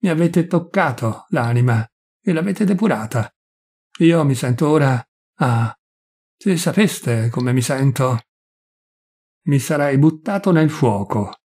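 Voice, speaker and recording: A man's voice: on the high side, creaky, breathy edge, exaggerated voice. A man voicing a boisterous, drunk middle-aged miller who blusters and gushes in a story reading. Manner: blustering, loud, effusive.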